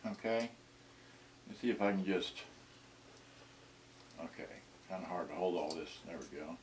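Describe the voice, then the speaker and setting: This deep-voiced man in his sixties unboxes vintage electronics, talking off the cuff and haltingly as he mutters over the items. The camera sits close by in a small indoor room, and there's slight background noise.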